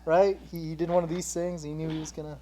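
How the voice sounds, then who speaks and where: A man's voice: on the high side, flat delivery, fast talker, dark tone, a little hiss or hum. A man co-hosting a casual show, joking and laughing as he builds a toy set. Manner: jokey, laughs a lot, goes off on tangents. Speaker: co-host.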